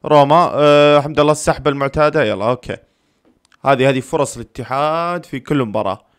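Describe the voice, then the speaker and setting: A man's voice: medium pitch, quick pace, dry recording, studio quality. A man reacting live to a football match, anxious and pleading, repeating the same phrases again and again.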